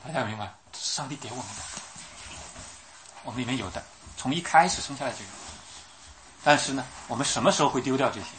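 A man's voice: medium pitch, quick pace, pauses often, a bit bright, slight background noise. A man preaching a sermon. He keeps asking his listeners questions and acts out the voices of the people he quotes. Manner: asks the audience questions, repeats himself.

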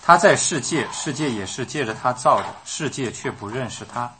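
A man interpreting for a Bible study and directing the reading, steady with some hesitant fillers. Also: medium pitch, moderate pace, a little hiss or hum.

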